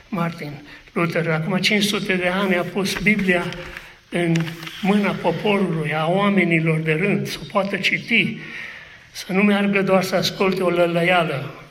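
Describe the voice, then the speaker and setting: A man's voice: on the high side, a bit bright, slight background noise, rough recording. A man preaching a sermon, asking rhetorical questions and speaking aloud to God.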